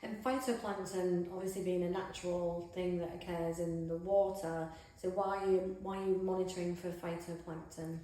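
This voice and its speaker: A woman's voice: on the low side, fairly even intonation, moderate pace, hardly any pauses, mellow. A woman asking questions in a conversational interview. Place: indoors in an office. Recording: echoey room.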